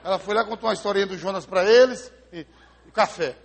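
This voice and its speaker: A man from preaching a sermon as pastor, telling a story and acting out the voices, swinging between loud and hushed. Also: high-pitched, quick pace, gravelly. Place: church sanctuary. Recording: live in a large church with long reverb.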